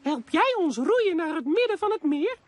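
A performer voicing a cheerful male cartoon mouse who encourages young viewers in a bright, sing-song way. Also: very high-pitched, sing-song, moderate pace, no room sound. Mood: encouraging. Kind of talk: cartoon dub voice acting. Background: music.

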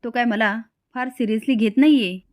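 A woman's voice: on the high side, moderate pace, darkish tone, dry recording, studio quality, close to an everyday voice. A woman voicing a scheming young woman complaining to an ally.

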